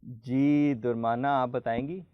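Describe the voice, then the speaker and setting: A man's voice: medium pitch, fairly even intonation, clear, resonant tone, no echo, dull audio. Patient male host quizzing children. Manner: patient, spells out letters slowly to quiz children. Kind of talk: friendly studio hosting for children.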